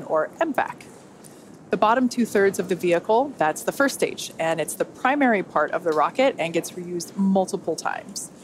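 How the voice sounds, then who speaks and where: Woman hosting, with background noise. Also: on the low side. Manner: clear explanatory presenting. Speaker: webcast host and engineering manager. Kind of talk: scripted launch webcast narration.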